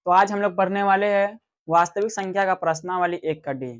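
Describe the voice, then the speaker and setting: Slow-explaining Hindi maths teacher, man. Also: sits high, steady tone, muffled recording. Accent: Bihari Hindi. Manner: slow, explanatory, asks questions and answers them himself. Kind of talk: classroom maths lecture.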